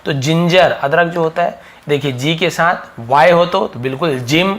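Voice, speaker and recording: Male teacher, steady phonics lesson, drawn-out example words, self-questioning. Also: a little high. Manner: repeats words slowly, asks and answers himself. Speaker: English teacher.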